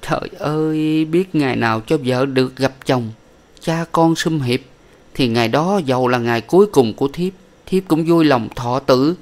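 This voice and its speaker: A man reading a storybook aloud, voicing a tender, sorrowful young mother who speaks softly and laments. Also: medium pitch, normal speed, pitched above the performer's own voice, natural voice. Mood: grieving. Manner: soft and lamenting.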